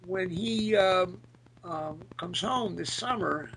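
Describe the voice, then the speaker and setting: A middle-aged man with a raspy, gravelly, gritty voice, reminiscing casually as an interview guest in a halting, searching way. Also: sits high, fairly bright tone, rough recording. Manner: halting, hesitant, searching for words. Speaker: podcast guest, former military band musician.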